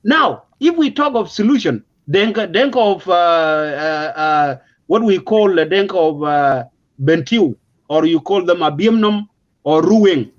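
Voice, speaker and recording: In a political discussion, a man with a South Sudanese accent gives an unscripted, emphatic explanation, often repeating his words. His voice sits high and sounds expressive at a measured pace. The audio is dull and lo-fi.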